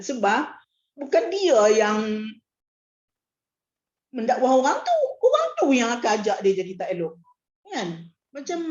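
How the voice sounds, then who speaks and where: A woman's voice: on the high side, darkish tone. A woman religious teacher gives a casual hadith lesson, chatty and joking, with repeated fillers. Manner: chatty, repeats "nak, nak" as filler, jokes and laughs. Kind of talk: casual hadith class lecture. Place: prayer hall class. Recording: dull lo-fi recording.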